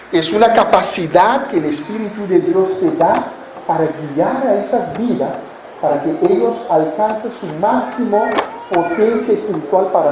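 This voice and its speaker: A man's voice: high-pitched, roomy sound, background noise. A man preaching a Sunday sermon, putting questions to the congregation and answering them himself. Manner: acts out foolish attitudes in mocking voices. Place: church hall.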